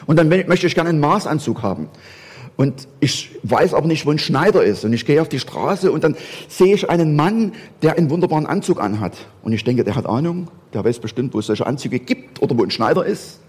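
A man's voice: a little high, expressive, fairly quick, slightly rough. A man preaching a sermon, emphatic and fond of repeating rhetorical questions. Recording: long hall reverb.

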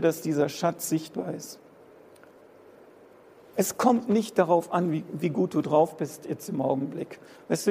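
A man preaching with a gravelly, mellow voice, pitched a little high for a man. He presses his points home by repeating phrases over and over. His voice rings through a church hall with long reverb over a faint hum of room noise. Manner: impassioned, repeats phrases for emphasis. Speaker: pastor. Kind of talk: sermon.

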